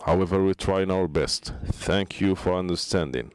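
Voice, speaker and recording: A man working as a conference interpreter, giving a live interpretation in halting, phrase-by-phrase delivery. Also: deep voice, clear, resonant tone.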